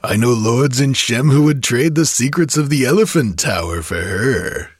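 A man's voice: mid-range voice, expressive, normal speed, slightly rough, no room sound, studio quality, voice pushed up. A man voicing a fat, gross, boastful male kidnapper who bellows bawdy, self-important talk in a storybook reading. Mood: leering.

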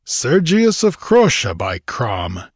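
A man's voice: on the low side, a little slow, creaky, slightly rough, dry recording, studio quality, exaggerated voice. A man voicing a tall, fierce barbarian warrior who talks with challenging scorn. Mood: defiant. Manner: challenging, sneering.

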